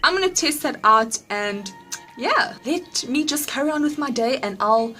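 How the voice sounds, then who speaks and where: A woman's voice: high-pitched, animated, moderate pace, pushed and bright, faint music behind. Emphatic woman beauty vlogger, casual and opinionated. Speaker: beauty vlogger reviewing makeup. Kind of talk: casual chat to camera.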